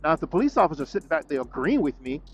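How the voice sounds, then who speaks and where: A man's voice: on the high side, very animated, racing, faint music behind. A man venting in a vlog, indignant, repeating himself and stuttering as he rants about being shut out. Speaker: vlogger. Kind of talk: frustrated talking-head vlog rant.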